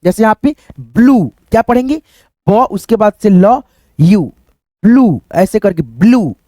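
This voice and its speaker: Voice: medium pitch, expressive, a little slow, warm tone, no echo. A teacher giving a phonics lesson, repeating each word and often calling the viewers friends. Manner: repetitive, addresses viewers as friends.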